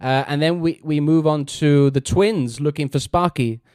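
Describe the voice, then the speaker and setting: A man co-hosting a casual review podcast, animated and laughing as he acts out quotes. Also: a little high, moderate pace, clean tone, dry recording, clean studio sound. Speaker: podcast host.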